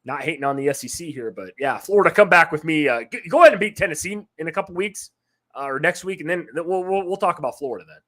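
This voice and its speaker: A man's voice: fairly high pitch, expressive, fast, a bit bright. A man co-hosting a live college football reaction show, fired up and swearing as he banters. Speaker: co-host. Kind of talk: live sports reaction chat.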